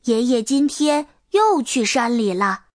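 Woman narrator for a children's storybook, high, unhurried, gentle. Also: sing-song, no room sound, studio quality. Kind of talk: storybook read-aloud narration.

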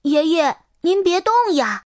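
A woman's voice: sits high, expressive, measured pace, no echo, clean studio sound, voice pushed up. A woman voicing a cheerful, caring little girl in a storybook reading. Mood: chirpy. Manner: sweet, coaxing, chirpy.

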